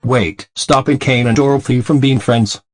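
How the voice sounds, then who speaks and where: A man's voice: medium pitch, steady tone, normal speed, no room sound, natural voice. A man voicing a delinquent cartoon car, a scheming troublemaker who stiffly narrates his own plans. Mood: bored, resentful. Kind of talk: scripted cartoon monologue.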